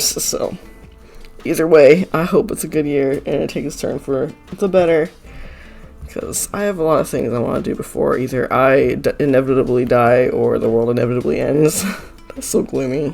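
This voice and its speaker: Pitched on the higher side with a mildly mellow quality, the man who runs an art channel talks casually in voice-over while getting over being sick, sounding gravelly, hoarse and slightly stuffy. He rambles, fills gaps with "uh" and "like," apologizes often, and faint music plays.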